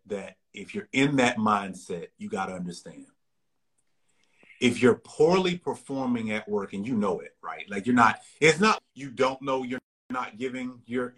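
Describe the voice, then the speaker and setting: Husky guy on a podcast hyping up productivity tips, preachy and punchy, asks lots of questions. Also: mid-range voice, moderate pace. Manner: energetic, preachy motivational delivery with rhetorical questions. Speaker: podcast host. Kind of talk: casual podcast chat.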